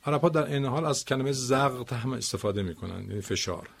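A man teaching Quran recitation, explaining word stress with spoken examples in a slow, deliberate way. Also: mid-range voice, lively intonation, gravelly.

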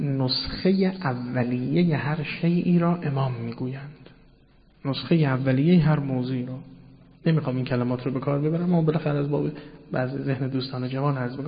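A man giving a religious lecture, explaining word meanings patiently and addressing his listeners politely, often repeating key terms. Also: mid-range voice. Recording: dull sound with long hall reverb.

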